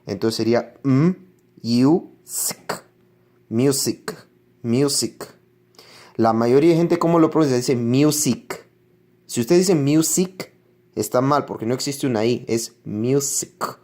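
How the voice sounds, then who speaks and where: Male language teacher, unhurried and patient, drills each word over and over as he explains. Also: medium pitch, a little mellow. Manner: slow, patient explaining with repeated example words. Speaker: English teacher. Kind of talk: classroom lesson on English pronunciation.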